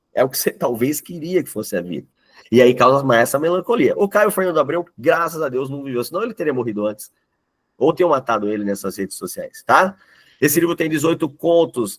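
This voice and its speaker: Chatty male teacher, quips and check-ins. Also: medium pitch. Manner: jokey asides to students. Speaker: literature teacher. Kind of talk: casual exam-prep lecture.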